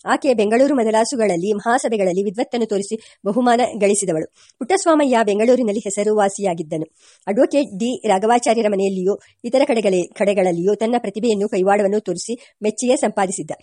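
A woman reading a memoir aloud as an audiobook narrator, steady, with occasional slips and self-corrections. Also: mid-range voice, no room sound, studio quality.

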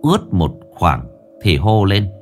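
A man narrating a ghost story in an expressive storytelling manner. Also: deep voice, a little slow, faint music behind.

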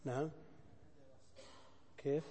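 An older man, a scholar, explaining a hadith text in a lecture. He speaks deliberately, repeating phrases and weighing options aloud. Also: warm tone. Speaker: Islamic scholar teaching hadith. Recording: lecture hall with long reverb.

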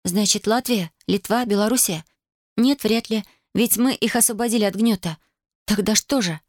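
A woman's voice: medium pitch, moderate pace, no echo, studio quality, voice pushed up, close to an everyday voice. A woman reading an audiobook voices a playful, mocking teenage girl who teases her family. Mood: teasing. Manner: mocking, giggly, exclaiming.

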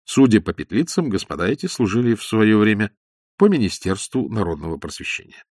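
A man narrating an audiobook in an expressive, lightly ironic storytelling manner. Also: fairly low pitch, a little fast, no echo, studio quality. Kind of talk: scripted narration.

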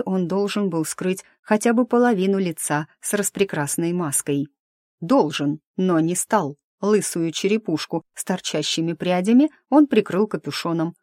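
Low-voiced wry female audiobook narrator. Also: darkish tone, no echo, clean studio sound. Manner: wry, lightly ironic storytelling. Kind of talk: scripted first-person narration.

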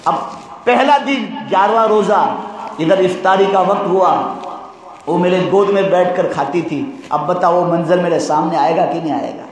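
A man's voice: sits high, slight background noise. A man preaching an emotional sermon to madrasa students, asking them questions and calling for their replies. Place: madrasa hall. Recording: echoey hall with crowd of students. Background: listening students.

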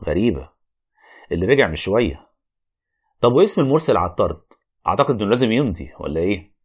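A man's voice: on the low side, big pitch swings, fast talker, slightly rough. An actor playing a wry, reluctant, learned Egyptian man who argues, explains and narrates in a radio play.

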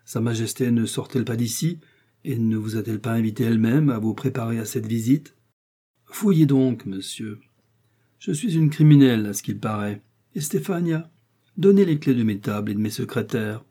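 A man's voice: mid-range voice, fairly even intonation, brisk, dark tone, breathy edge, close to an everyday voice. A man reading the part of a proud, defiant queen with a haughty manner. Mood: scornful. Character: proud indignant queen, woman, imperious.

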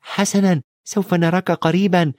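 A man's voice: high-pitched, steady tone, moderate pace, darkish tone, no echo, voice pushed up, natural voice. An earnest young boy wizard asks plain questions in a raised, youthful tone, put on by a male reader. The sound is dry and close.

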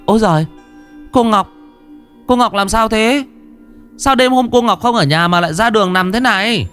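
A man voicing a startled young villager with high, fussing concern. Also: moderate pace, a bit bright, clean tone, soft background music. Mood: alarmed.

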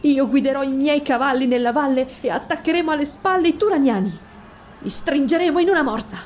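A haughty young princess with a very high, strained voice, put on by a male audiobook reader. She gives orders and reproaches in an imperious tone, with a faint hiss of background noise. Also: brisk. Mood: commanding. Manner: imperious, pleading then commanding. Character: proud young royal woman, commanding. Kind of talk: audiobook character voice.

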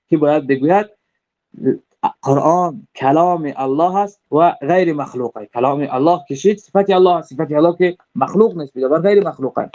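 A man with a Tajik Persian accent lectures on religious creed in a fairly high but mellow voice. He explains point by point, rephrasing and pausing on fillers. The recording sounds dull and lo-fi. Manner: explanatory, repeats and rephrases, frequent hesitations. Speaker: religious teacher.

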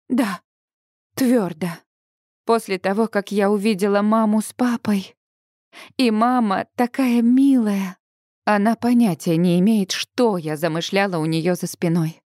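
A young woman narrating a novel in the first person with a lively, expressive reading. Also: mid-range voice, measured pace, no echo, studio quality. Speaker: audiobook narrator.

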